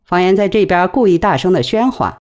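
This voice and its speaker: A woman narrating a novel in an expressive storytelling manner. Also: fairly low pitch, a little fast. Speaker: audiobook narrator. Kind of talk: novel reading.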